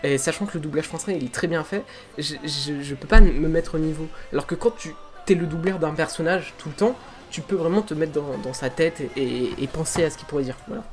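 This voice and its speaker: Un jeune homme youtubeur, bavard et autodérisoire, qui explique son doublage amateur au micro de bureau, chez lui le soir. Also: male voice, fairly high pitch, brisk, faint music behind. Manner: chatty, self-deprecating, excited. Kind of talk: casual amateur dubbing vlog. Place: room at home, late at night. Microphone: desk microphone.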